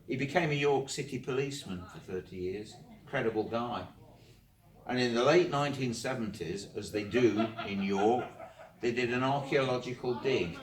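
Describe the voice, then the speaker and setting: A man, a historian, telling ghost stories to a group, animated, sometimes repeating words as he goes. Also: lowish voice. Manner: animated storyteller, repeats words while searching. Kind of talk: storytelling talk to a group. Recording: roomy, from far off.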